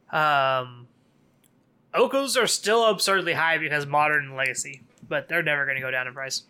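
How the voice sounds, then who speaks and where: A man with a bright, forceful voice talks casually on a podcast, pitched a little higher than most men. He leans into sarcasm and laughs often. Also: measured pace, long pauses, clean tone. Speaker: podcast co-host. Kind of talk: casual card game chat.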